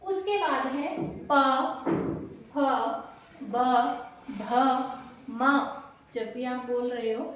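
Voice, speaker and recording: A woman teaching an exam-prep grammar lesson, explaining slowly and asking and answering her own questions. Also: sits high, expressive, a little hiss or hum. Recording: very echoey room, distant mic.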